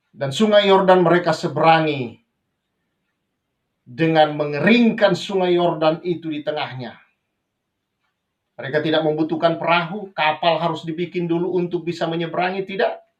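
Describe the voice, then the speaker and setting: A man who is a pastor preaching a sermon, swinging between raised passages and quiet asides, often addressing the congregation as brothers and sisters. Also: on the high side. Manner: preaches with sudden rises and drops, addresses listeners as brothers and sisters.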